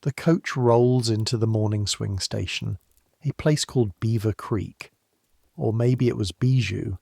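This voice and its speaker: A man calmly narrating a scripted history story for sleep, addressing the listener in measured second person. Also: on the low side, vocal fry, no room sound, clean studio sound.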